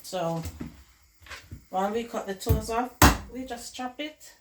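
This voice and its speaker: Hoarse and worn from the flu, this woman's slightly high voice moves slowly as she hosts a casual cooking tutorial from her home kitchen, chattily addressing viewers as guys. The audio is very noisy, with echo and loud clatter of pots, dishes and running water.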